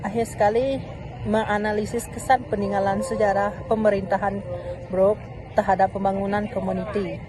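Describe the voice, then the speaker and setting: A young woman student reading a report aloud, steady and careful, with small restarts. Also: medium pitch, moderate pace, over music. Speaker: student presenter. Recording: noisy recording.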